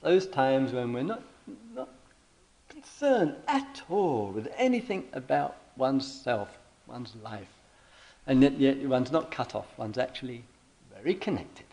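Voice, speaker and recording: A man teaching meditation in a question-and-answer dialogue, speaking deliberately and haltingly and often repeating his phrases. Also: medium pitch, lively intonation, a little mellow, low-quality recording.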